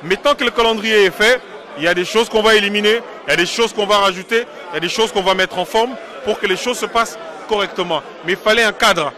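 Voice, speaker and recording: Emphatic high-voiced man from Congo. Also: quick pace, bright, forceful tone, some chatter behind. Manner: emphatic, insistent, repeats his points. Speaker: diaspora political activist. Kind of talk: interview answers.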